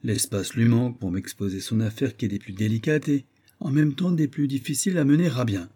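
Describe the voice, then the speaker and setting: A man reading an audiobook, voicing an excitable eccentric sleuth who talks theatrically, like a street hawker. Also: medium pitch, fairly quick, slightly rough, close to an everyday voice. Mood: insistent. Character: excitable eccentric middle-aged male sleuth.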